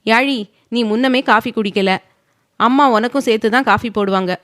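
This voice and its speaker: A woman voicing a kindly young married woman who gently gives advice. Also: fairly high pitch, moderate pace, no echo, studio quality, voice pushed up, lightly acted. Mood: gentle.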